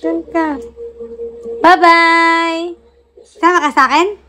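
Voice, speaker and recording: A woman livestreaming casually, cooing and teasing a sleepy pet in a soft, playful way. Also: high voice, takes it slowly, a little hiss or hum, poor audio.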